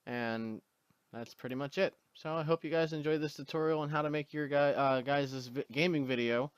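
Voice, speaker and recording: A man with hiccups hosting a casual screen-recorded tutorial, walking through the steps in a relaxed way with fillers. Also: on the high side, normal speed, smooth, dry recording. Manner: relaxed step-by-step instructions with fillers. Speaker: tutorial host.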